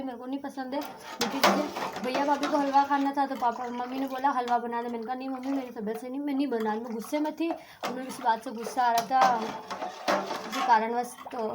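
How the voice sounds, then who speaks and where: A young woman from India with a Rajasthani Hindi accent, chatting to her viewers in a casual village vlog and rambling through everyday stories. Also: high-pitched. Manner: chatty, rambling storytelling to camera. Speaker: village vlogger. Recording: noisy phone recording.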